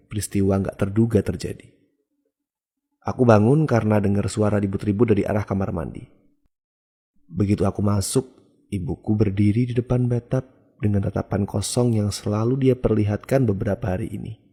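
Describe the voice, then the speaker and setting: Husky low-voiced man telling a horror story. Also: mellow. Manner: casual, conversational telling. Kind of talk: first-person horror story narration.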